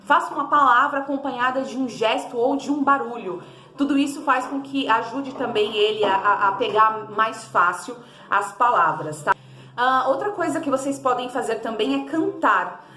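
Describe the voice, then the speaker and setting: A woman's voice: moderate pace, sharp tone, reverberant. Chatty Brazilian woman giving parenting tips. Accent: Brazilian Portuguese. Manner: chatty, repeats tips, acts out baby talk in a high sing-song voice. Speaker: parenting vlogger. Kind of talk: casual advice talk to camera.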